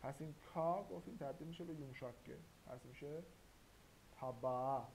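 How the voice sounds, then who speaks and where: A man teaching a grammar lesson, slow and deliberate, spelling out sounds one by one. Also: a little high, a little mellow, low-quality recording. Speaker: language teacher. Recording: faint hiss.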